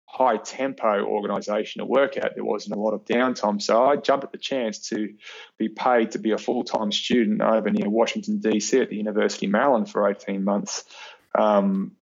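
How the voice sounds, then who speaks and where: Guest: Australian man, 40s, low gravelly voice, measured and emphatic, dull remote line. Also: steady tone. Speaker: podcast guest, reliability engineer with PhD. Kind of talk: casual interview chat.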